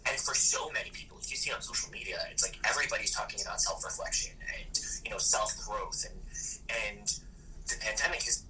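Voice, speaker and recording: A man's voice: lowish voice, brisk, recorded from a distance, slight background noise, rough recording. A man in his early thirties, an actor and photographer, chatting casually and telling stories with lots of "like". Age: early 30s. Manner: chatty, animated storyteller with frequent "like". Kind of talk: casual conversation.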